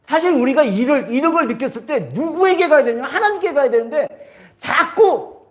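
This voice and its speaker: A pastor in his forties preaches in a church, his voice unusually high for a man. He speaks earnestly and pushes key lines out with force. Between those points he tells personal stories with light laughter. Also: animated, fairly quick. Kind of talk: sermon. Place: church sanctuary.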